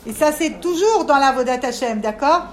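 A woman teaching a religious class to a group of women, animated and talking straight to her listeners. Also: high-pitched, moderate pace. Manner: animated, talks straight to listeners, acts out inner voices. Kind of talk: lively spoken religious lesson.

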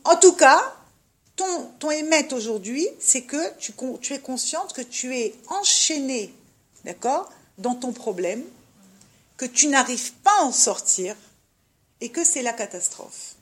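A woman teaches a religious class to a group of women in an unheated room. She speaks in a fairly high voice and gets animated as she explains. She often turns to her listeners with direct questions. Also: measured pace, slightly rough.

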